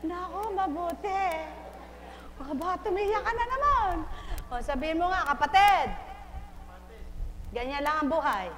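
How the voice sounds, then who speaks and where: A woman's voice: very high voice, animated, unhurried, long pauses. A woman leading a live prayer session, coaxing and urging someone in short repeated phrases and laughing often. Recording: echoey hall from far off.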